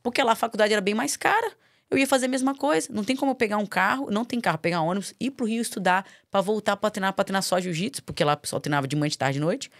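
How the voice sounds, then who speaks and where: A woman's voice: mid-range voice, racing, dry recording, clean studio sound. A young Brazilian woman from Espírito Santo, a guest on a podcast, telling her story earnestly and animatedly, with frequent tag questions. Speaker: podcast guest, MMA fighter. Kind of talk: casual storytelling interview.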